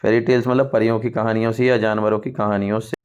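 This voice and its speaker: Indian man teaching English, flat and low. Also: clear, resonant tone. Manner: mixes Hindi explanation with slow English read-aloud. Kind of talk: exam-prep lesson. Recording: dull lo-fi sound.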